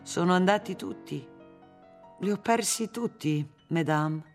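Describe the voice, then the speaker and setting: A reader voicing a weary, dignified woman cook who speaks with quiet gravity in a storybook reading. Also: medium pitch, unhurried, soft background music, natural voice. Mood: grave, dignified.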